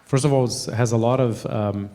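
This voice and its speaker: A man's voice: mid-range voice, steady tone, moderate pace, warm tone, long reverb tail. A man in a meeting discussion, speaking reflectively with many fillers.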